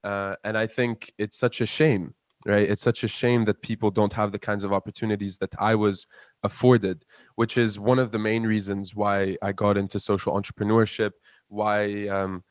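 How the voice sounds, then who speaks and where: A man's voice: lowish voice, little pitch movement, normal speed, dry recording. A young man in his twenties from Palestine, speaking earnestly and passionately as an interview guest, often repeating words as he builds his point. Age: 20s. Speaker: guest, student entrepreneur. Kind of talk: interview answers.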